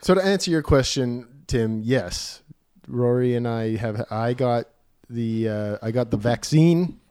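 A man's voice: mid-range voice, animated, dark tone, clean tone. A man co-hosting a podcast, joking playfully in casual chat. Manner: playful, quick with jokes. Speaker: podcast co-host.

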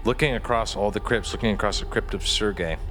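Low-voiced guy at a tabletop game, lots of uh and um, describing moves, soft music behind. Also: fast. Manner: describes actions with hesitant fillers. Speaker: player. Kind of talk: tabletop role-play.

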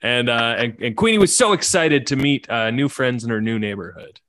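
A man's voice: mid-range voice, lively intonation, normal speed, fairly bright tone. A man hosting and narrating an improvised comedy story in a playful, laughing way. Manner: playful, laughing through lines. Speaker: host and narrator.

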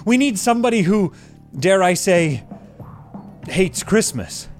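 A man's voice: fairly high pitch, very animated, normal speed, faint music behind. A man playing a flustered, gushing mall worker in a comedy sketch, rambling and dramatic. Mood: panicked.

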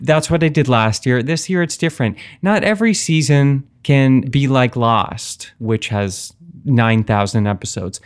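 A man's voice: medium pitch, unhurried, clear, resonant tone. A man hosting a podcast in a playful, wry, self-interrupting way, mixing a scripted comedic intro with chatty asides. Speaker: podcast host. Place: basement away from usual home setup.

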